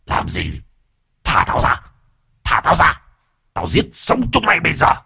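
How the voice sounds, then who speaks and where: Con vong hung dữ gào rít, do một người đàn ông giả giọng. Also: male voice, a little high, wildly swooping pitch, measured pace, gravelly, sharp tone, husky, no echo, clean studio sound, voice pushed up, heavily acted. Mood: snarling. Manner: hissing threats, then shrieking in terror. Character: vengeful male ghost possessing a man, snarling.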